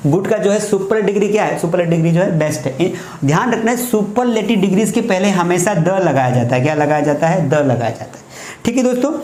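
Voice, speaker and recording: A man's voice: on the high side, a little mellow. Man teaching grammar, echoey room. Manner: explains slowly, repeats key words as quiz questions. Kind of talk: casual classroom lesson. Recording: echoey room, faint background noise.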